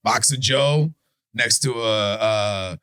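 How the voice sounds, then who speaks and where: A man with a Chicago accent co-hosting a podcast in casual debate chat, animated and profane, stumbling and restarting his sentences. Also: lowish voice, takes it slowly, clear, resonant tone, dry recording. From Chicago area. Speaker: podcast co-host.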